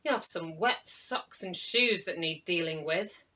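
A woman's voice: lowish voice, unhurried, sharp tone. A woman voicing a posh, proud female pigeon who fusses over her shiny feathers in a storybook tale. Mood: knowing. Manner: posh, indignant then kindly.

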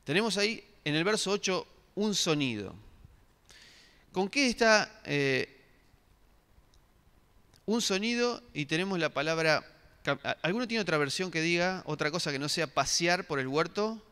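A man's voice: a little high, expressive, unhurried, pauses often, sharp tone, clean tone. A middle-aged man, giving a sermon and asking the congregation questions, with many restarts. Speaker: pastor. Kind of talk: interactive sermon. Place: church hall. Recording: long reverb of a church hall.

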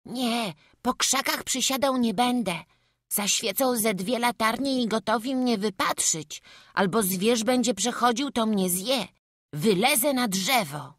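A woman's voice: a little high, animated, a little slow, a bit bright, no echo, studio quality, voice pushed up. A woman voicing a small homesick peasant boy who talks with a childish dialect lisp. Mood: defiant.

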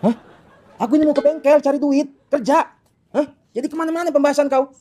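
An exasperated young husband with a Medan accent, played by a woman in a comedy sketch. He pleads and protests in quick bursts, his voice sitting fairly high. Faint background noise runs under the lines. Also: fairly even intonation, mellow, close to an everyday voice. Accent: Medan Indonesian. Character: young husband, defensive, always blamed by his wife.

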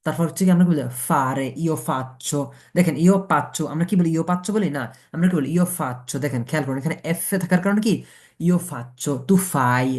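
A man's voice: mid-range voice, darkish tone. A man teaching a beginners' language class, going letter by letter and asking and answering his own questions. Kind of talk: Italian pronunciation lesson taught in Bengali.

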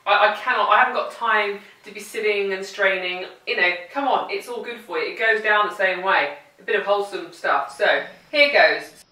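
A woman's voice: medium pitch, normal speed, bright, forceful tone. A woman presenting a cooking demonstration, chatty and playful, talking to the food as she goes. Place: home kitchen. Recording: roomy kitchen, mic at a distance.

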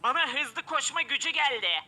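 Male gameplay commentator, very high, sharp tone, keeps yelping in alarm. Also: expressive, normal speed, a little hiss or hum. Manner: exclamatory, often crying out in alarm. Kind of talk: excited let's-play commentary.

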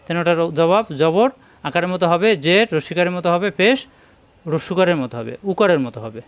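A man's voice: high voice, a bit bright, clean tone. A man teaching Quran reading step by step, patiently repeating each example syllable by syllable. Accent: Bangladeshi Bengali. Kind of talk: step-by-step recitation lesson.

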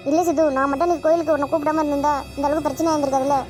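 A woman's voice: high voice, little pitch movement, very fast, darkish tone, soft background music, lightly acted. A woman voicing a young female college student in a cartoon, apologetic and pleading. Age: young adult. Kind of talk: animated cartoon dubbing.

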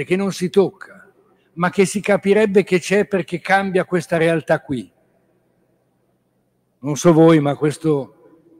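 A priest delivering a reflective homily in an unhurried, deliberate rhythm. His man's voice sits somewhat high, and he circles back to rephrase each idea patiently. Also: darkish tone. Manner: measured and reflective, restating points with 'cioè'. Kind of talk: spiritual reflection on scripture.

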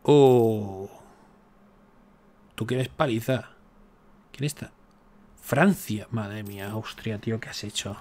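A man's voice: on the low side, unhurried, pauses often. Joking man narrating his strategy game. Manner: chatty, joking, exasperated asides to the game. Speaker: gaming YouTuber. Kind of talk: casual let's-play commentary.

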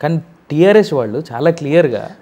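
A man's voice: a little high, expressive, quick pace, warm tone. Persistent Telangana-accented male interviewer. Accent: Telangana Telugu. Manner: polite, persistent questioning. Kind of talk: news interview.

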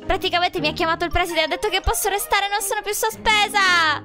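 A woman vlogger acting out a Roblox role-play, excitable and exclamatory, often calling out names. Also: extremely high pitch, quick pace. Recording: background music.

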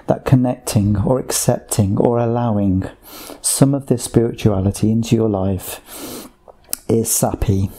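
A man speaking under hypnosis as a channeled voice, slow and repetitive, addressing listeners like a sermon. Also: fairly low pitch, gravelly, dark tone, slightly rough.

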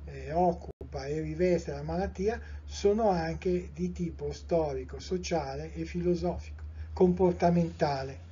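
A middle-aged man with an Italian accent giving a live lecture in a measured, discursive way, with fillers, self-corrections and rhetorical questions to his listeners. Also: a little high, warm tone, a little hiss or hum. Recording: dull lo-fi live lecture recording.

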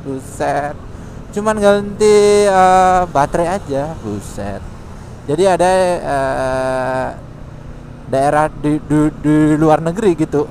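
A chatty man narrates his scooter ride in a fairly high voice. He exclaims often as he talks through city traffic. Steady wind and traffic roar sit under his helmet-mic recording. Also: takes it slowly. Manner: chatty, exclaims often, laughs between remarks. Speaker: motovlogger. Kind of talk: casual motovlog commentary while riding. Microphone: helmet intercom mic.

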